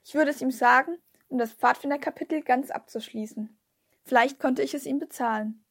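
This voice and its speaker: A woman narrates a storybook aloud with a high, light voice. She reads in a steady, expressive way. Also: a little fast. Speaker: audiobook reader. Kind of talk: scripted narration.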